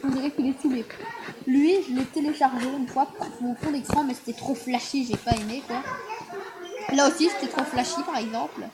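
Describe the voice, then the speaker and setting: Excitable, high-pitched woman gamer rambling casually, on a noisy home recording. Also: fairly quick. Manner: chatty, excitable, rambling with fillers. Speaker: gaming vlogger. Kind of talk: casual screen-recorded commentary.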